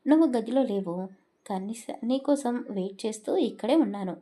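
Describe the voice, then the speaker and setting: A woman's voice: medium pitch, moderate pace, warm tone, natural voice. A woman voicing a young male hero, teasing and lazy, in an audio story.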